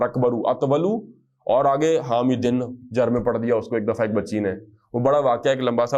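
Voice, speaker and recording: Holding a steady, mid-range pitch, this teacher explains grammar to his class and drills Arabic phrases slowly, spelling out each example. He often checks that everyone understands.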